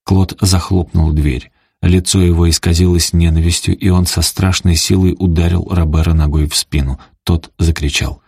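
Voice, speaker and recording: A man with a very low, husky voice reads an audiobook aloud in a steady, dramatic way. He is recorded close and dry, with no room sound at all. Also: normal speed, no echo. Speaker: narrator. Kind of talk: audiobook reading.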